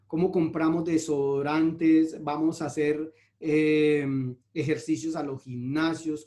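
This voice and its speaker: A man's voice: a little high, a little mellow. A man preaching a sermon, telling a parable and speaking directly to the congregation. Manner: storytelling, addressing the congregation directly.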